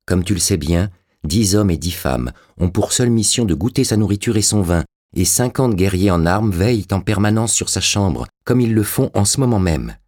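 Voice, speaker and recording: A man's voice: low voice, lively intonation, moderate pace, a little mellow, dry recording, clean studio sound. A man voicing a fierce, desperate young royal woman, speaking with urgent passion. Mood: anguished.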